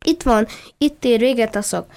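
A woman's voice: a little high, darkish tone, close to an everyday voice. A woman voicing a curious, proud male puppy who explains things patiently and earnestly. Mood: confident.

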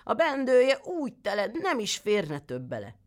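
A woman voicing young sons who answer with cheerful, brisk assurances. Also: a little high, wildly swooping pitch, voice pushed up. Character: young male sons, eager and fibbing.

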